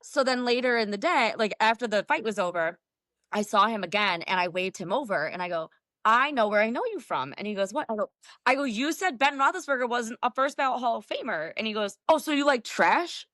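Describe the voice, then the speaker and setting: Chatty woman telling a lively story. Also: fairly high pitch, brisk, dry recording, studio quality. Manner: chatty, laughs often, acts out quotes. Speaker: guest, Steelers fan. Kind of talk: casual storytelling interview.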